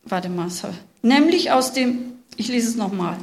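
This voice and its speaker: A woman giving a sermon, telling a story expressively and reading Bible passages aloud to her listeners. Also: on the high side. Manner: slow, expressive, speaks to listeners directly. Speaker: preacher.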